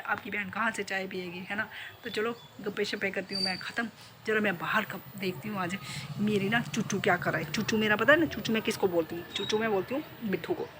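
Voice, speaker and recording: A woman vlogger and beautician chatting playfully to her viewers from home, filmed on a phone. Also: mid-range voice. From Jammu. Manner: chatty, playful, talks straight to viewers with many tag questions. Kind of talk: casual chatty home vlog. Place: at home, indoors. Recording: noticeable background noise.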